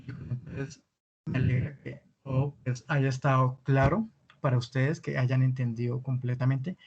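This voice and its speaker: A man teaching an online language lesson, patiently repeating words slowly for his students. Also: medium pitch, darkish tone, muffled recording. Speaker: Spanish teacher.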